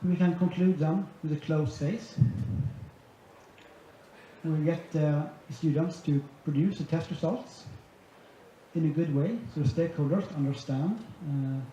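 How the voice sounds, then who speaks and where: Male conference speaker with a warm, dark tone. Methodical delivery, recorded far off in a large hall with faint room noise. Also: fairly high pitch, unhurried. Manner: methodical, summarizing point by point. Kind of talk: conference presentation. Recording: echoey hall, dull sound, faint ambience.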